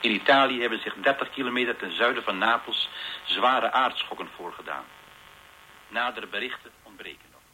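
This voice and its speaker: Measured newsreader, bright tone, slight hum. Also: male voice, lowish voice, poor audio. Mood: neutral. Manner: measured formal news delivery. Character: formal radio newsreader, man.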